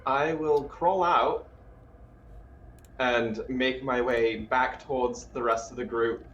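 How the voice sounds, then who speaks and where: A man's voice: mid-range voice, steady tone, slow, fairly bright tone. A man playing in a live tabletop game, joking around and laughing often. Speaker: player. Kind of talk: casual tabletop play. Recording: roomy, dull mic with faint hiss and typing.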